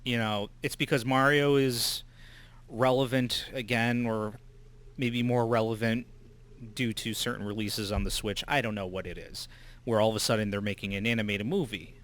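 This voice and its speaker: A man's voice: lowish voice, fairly even intonation, normal speed, fairly bright tone. A man in his thirties co-hosting a casual gaming chat, rambling with many fillers and restarts. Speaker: co-host.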